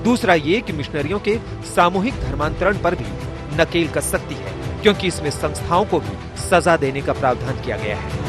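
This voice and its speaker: Male reporter, scripted news voice-over, brisk and emphatic, music bed underneath. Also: a little high.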